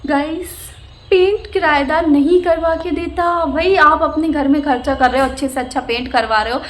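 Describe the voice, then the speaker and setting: A woman's voice: high-pitched, normal speed. A young woman vlogger telling a personal story, emotional and indignant. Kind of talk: storytime vlog.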